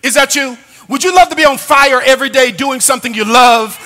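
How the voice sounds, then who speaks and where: High, bright-voiced older male preacher. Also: a little fast. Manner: humorous, shouting emphasis, call-and-response. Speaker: pastor. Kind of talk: sermon. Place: church sanctuary. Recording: long church reverb.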